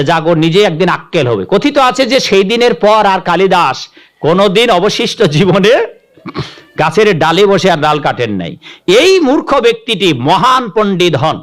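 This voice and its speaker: A man, a sadhu, telling a devotional story in a sermon, animated and checking in with his listeners. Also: high voice.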